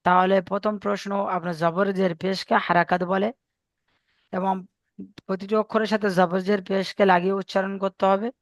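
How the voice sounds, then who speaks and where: A man's voice: high-pitched, little pitch movement, fairly quick, dry recording. Patient male teacher drilling pronunciation. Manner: patient, repeats each point and quizzes students. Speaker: Quran reading teacher. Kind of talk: online Arabic reading lesson.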